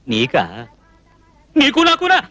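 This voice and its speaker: A man dubbing a fussy, naive young male cook in a film comedy, scolding in rapid chatter. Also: very high-pitched, huge pitch swings, pushed and bright, dry recording, full character voice. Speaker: dubbed film comic lead. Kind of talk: dubbed film dialogue.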